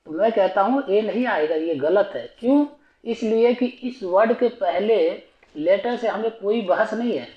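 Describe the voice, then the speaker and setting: A man's voice: high voice, echoey room, poor audio. A man teaching an online grammar lesson, explaining patiently and repetitively and asking himself rhetorical questions.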